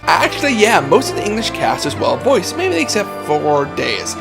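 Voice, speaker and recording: A man's voice: high voice, wildly swooping pitch, moderate pace, creaky. A man giving a comedic video game review in a casual, jokey way with frequent swearing. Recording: music playing behind the voice.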